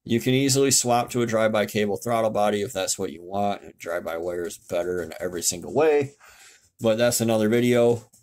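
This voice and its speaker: Talking a little fast in a lowish, somewhat mellow voice, a car YouTuber gives a blunt, relaxed fuel system tutorial over a screen share at home. He curses now and then and corrects himself as he proceeds.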